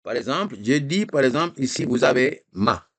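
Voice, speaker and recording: A man teaching a live reading lesson, explaining slowly and patiently with repeated examples. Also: mid-range voice, sing-song, fairly bright tone.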